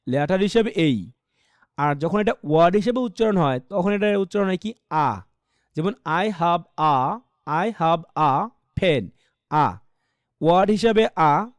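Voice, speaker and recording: A man's voice: sits high, no echo, studio quality. Bangladeshi man teaching English pronunciation. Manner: explains in a mix of two languages, repeats phrases, asks students questions. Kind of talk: online class lecture.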